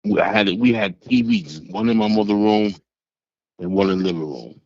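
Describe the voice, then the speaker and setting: Caller on a phone line: man in his sixties, low voice, rambling and halting, a little muffled. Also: wildly swooping pitch, creaky, darkish tone, no echo. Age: 60s. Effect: heard over a phone line. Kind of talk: casual phone-in storytelling.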